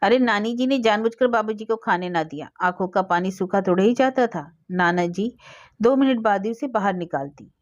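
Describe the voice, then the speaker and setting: A woman's voice: medium pitch, moderate pace, highs cut off, close to an everyday voice. A woman voicing an outspoken household maidservant who scolds bluntly. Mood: scolding.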